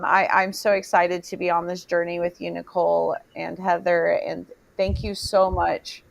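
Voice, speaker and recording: Gravelly low-voiced woman host. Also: dry recording. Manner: earnest, halting with many fillers. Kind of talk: casual video-call interview. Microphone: video call.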